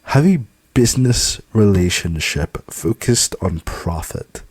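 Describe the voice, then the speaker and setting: A haughty young heiress read by a man speaks in a patronizing, clipped tone. The voice sits low and husky. The sound is close and dry, with no room around it. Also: lively intonation, takes it slowly, no echo, full character voice. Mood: snobby, snappish. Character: snobby condescending young woman, heiress and accountant.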